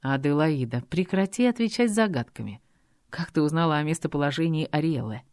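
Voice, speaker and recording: A woman's voice: low voice, animated, brisk, a little mellow, no echo, studio quality. A woman voicing a stern young man who speaks curtly and firmly, in an audiobook reading. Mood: cold, firm. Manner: curt, firm, commanding. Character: stern, cold young man, a dragon shifter. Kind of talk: audiobook character voice.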